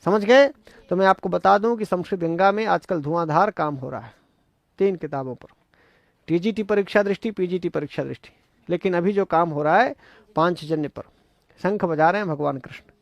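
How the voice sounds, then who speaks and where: High-voiced, gravelly Sanskrit teacher, man. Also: moderate pace, no room sound. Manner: emphatic, repetitive, rhetorical questions to students. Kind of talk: exam-prep grammar lecture.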